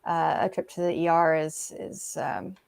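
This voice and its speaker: A woman's voice: low-pitched, steady tone, measured pace, creaky, a little mellow. Woman guest rambling through her story, lots of um and like, does little voices for quotes. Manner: chatty, many fillers, acts out quoted remarks. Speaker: guest author. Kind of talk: casual interview storytelling.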